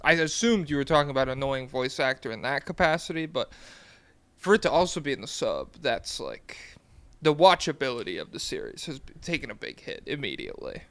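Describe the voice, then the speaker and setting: Lively, animated man in casual chat. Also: mid-range voice, fairly quick, dry recording. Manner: animated, laughs often, swears casually. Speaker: podcast co-host.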